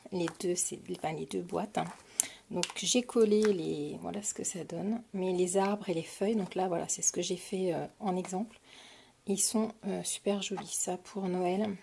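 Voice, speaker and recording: Casting: hesitant French woman, mid pitch, crafting haul vlog, faint noise behind. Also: gravelly, warm tone. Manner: hesitant, many fillers, shows items to camera. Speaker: crafting vlogger. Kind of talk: casual product haul.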